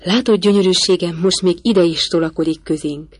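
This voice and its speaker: A woman's voice: lowish voice, no room sound, lightly acted. A woman voicing a fussy, doting aristocratic mother in an audiobook, gushing and fretful.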